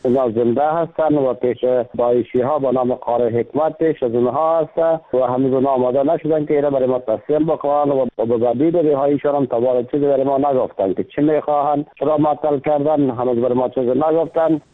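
A male official with an Afghan Dari accent answers in unscripted speech. His pitch is average, and the sound is thin and phone-like, with no room echo. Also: steady tone, hardly any pauses. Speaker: provincial governor. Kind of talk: unscripted interview statement. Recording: tinny phone-line interview clip.

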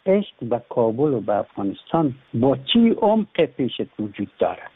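A man's voice: medium pitch, sing-song, soft background music. A man hosting an interview, asking questions in a friendly, playful way. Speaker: interview host. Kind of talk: casual interview talk. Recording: tinny phone-like line.

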